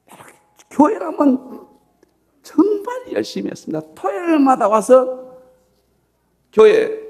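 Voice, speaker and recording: A middle-aged male pastor preaching a sermon and telling a personal story with strong emotion, swinging from loud exclaiming to hushed whispers. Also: high-pitched. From South Korea. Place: church dawn service.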